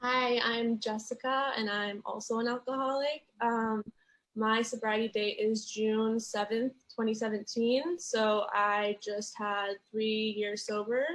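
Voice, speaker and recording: A woman's voice: fairly high pitch, level tone, a little slow, a bit bright, rough recording. A woman from Denmark introducing herself casually on an online panel.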